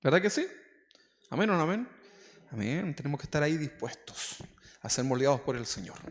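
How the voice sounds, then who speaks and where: A man's voice: fairly high pitch, big pitch swings, a little fast. A man preaching a sermon as pastor, talking to the congregation in a casual way and often asking them questions. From Chile. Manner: conversational, asks the congregation questions. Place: church hall. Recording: long hall reverb.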